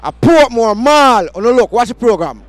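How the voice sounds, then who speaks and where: A man's voice: extremely high pitch, very animated, moderate pace, no room sound. A Jamaican man hosting a street vlog at an outdoor market, hyped and chanting a catchphrase. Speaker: vlog host.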